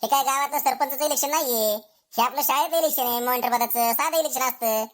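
A worn-out male schoolteacher acted by a woman grumbles and begs his class to calm down. His voice sits lower than the children's. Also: fast talker, close to an everyday voice. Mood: weary. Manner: tired, grumbling, pleading for calm. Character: weary male schoolteacher running a class vote.

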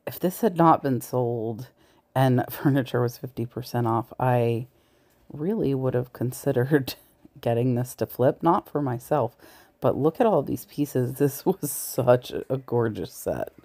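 A woman with a dark-toned bass voice speaks at a measured pace, chatting as she browses a large thrift store for resale finds. Sometimes she lowers her voice to a whisper in this relaxed shop-with-me vlog, filmed point of view with a body-worn camera mic.

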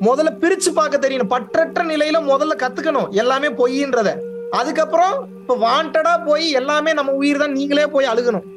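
A man with a very high voice delivers a spiritual discourse to a class. He keeps asking rhetorical questions and repeats words to drive his points home, with faint music underneath. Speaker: spiritual teacher.

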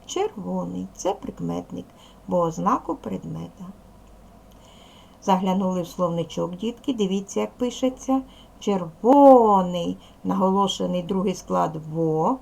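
Husky, patient woman teaching children. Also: fairly low pitch, expressive. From Ukraine. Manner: slow, clear, patient explaining. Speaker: primary school teacher. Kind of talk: video lesson for young children.

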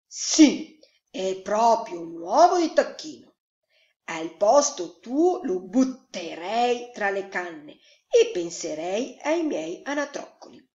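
A woman voicing an old female duck, a know-it-all busybody who gives slow, knowing advice. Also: mid-range voice, very animated, warm tone. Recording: roomy echo, slightly dull sound.

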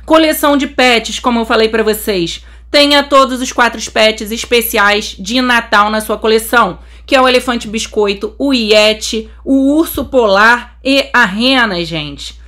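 Young Brazilian woman, Brazilian Portuguese accent, game host, thrilled and breathless, bright high voice. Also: unhurried, few pauses. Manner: gushing, exclamatory, says she is trembling. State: excited. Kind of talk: excited gameplay commentary.

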